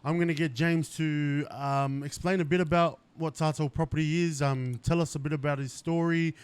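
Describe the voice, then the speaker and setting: A man hosts a casual podcast chat. He talks eagerly in a slightly raised pitch and fills his sentences with "like" and "you know what I mean." His voice sits dry and close, with no room sound around it. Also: fairly even intonation, normal speed, clean tone, no echo. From Australia. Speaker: podcast host. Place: indoors at a company's headquarters.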